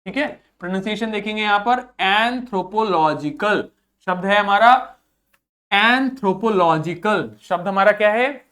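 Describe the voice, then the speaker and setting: A man's voice: high-pitched, measured pace, bright, forceful tone. Man teaching English vocabulary in Hindi. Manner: drills pronunciation by repeating words, mixing Hindi and English. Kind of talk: online vocabulary lesson.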